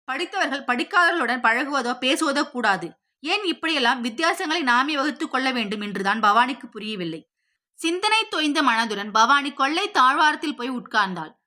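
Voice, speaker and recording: A woman narrating a story in a steady, expressive, scripted storytelling voice. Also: sits high. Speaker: audiobook narrator.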